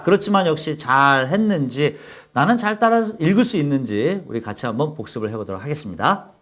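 A man teaching English phrases to Korean learners, explaining in Korean and modeling each phrase slowly and clearly for repetition. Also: a little high. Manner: slow, carefully enunciated English model phrases between brisk explanations. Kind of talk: language lesson with repeat-after-me drills.

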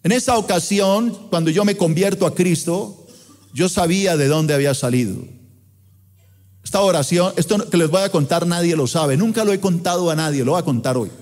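A middle-aged man from Colombia with a Colombian accent, preaching a sermon as pastor with impassioned delivery and sweeping swings in pitch. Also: normal speed, darkish tone. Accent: Colombian Spanish. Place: large church auditorium. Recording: long hall reverb in church auditorium.

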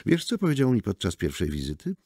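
Brief: sardonic woman lawyer, raised lively gravelly voice, read by a man. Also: lowish voice, quick pace, no room sound, studio quality, voice pushed up, heavily acted. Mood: mocking. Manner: brusque, mocking. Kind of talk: audiobook character voice.

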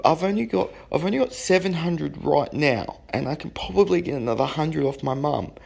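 A man's voice: on the high side, lively intonation, fairly quick, creaky, a little mellow, breathy edge, pitched above the performer's own voice, heavily acted. A man putting on the voice of a young male buyer who begs and stammers. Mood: pleading. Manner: begging, stammering repetitions.

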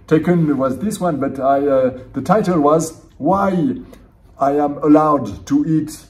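Speaking at a measured pace, this middle-aged Frenchman, a theology professor and seminary dean, gives thoughtful answers in a conference interview, frequently restarting his phrases. His French-accented voice is a little high and slightly mellow, captured far from the mic in an indoor conference room.

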